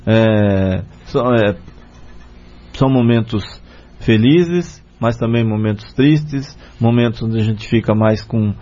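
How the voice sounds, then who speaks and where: A man's voice: mid-range voice, a little mellow. A man with a Brazilian Portuguese accent hosts a spiritist radio program in earnest, conversational talk, often adding "né?". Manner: earnest, retells a story with many "né?" fillers. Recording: dull lo-fi radio recording.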